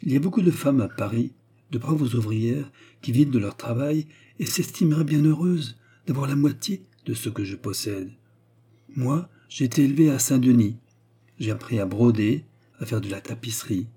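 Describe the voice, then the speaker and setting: A man's voice: medium pitch, expressive, normal speed, mellow, breathy edge. A man voicing a scheming young kept woman in an audiobook reading, pleading and then commanding her lover. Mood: coaxing.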